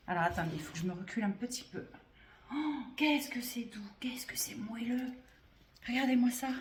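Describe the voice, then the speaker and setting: A woman's voice: sits high, a little hiss or hum. A woman vlogger chatting playfully to her viewers as she unboxes and reviews clothes. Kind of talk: casual unboxing chat.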